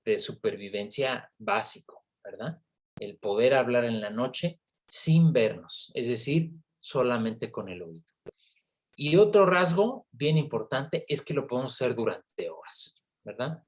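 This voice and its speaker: Male lecturer, mid-pitched, explanatory, online class. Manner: explanatory, with frequent tag questions. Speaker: university lecturer.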